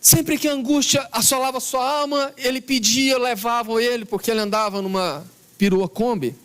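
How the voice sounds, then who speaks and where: High-voiced Brazilian man giving a lecture. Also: fairly bright tone, clear, resonant tone. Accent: Brazilian Portuguese. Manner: earnest, emphatic, slowing down on key words. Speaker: spiritist lecturer. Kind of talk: storytelling lecture.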